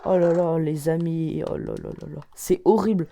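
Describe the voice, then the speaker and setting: A woman voicing lively game commentary from her desk, easily excited and quick to cheer or groan. Her voice sits a little low and sounds dark and mellow. She exclaims often and scores each item out of ten. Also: slight background noise. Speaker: gaming channel host.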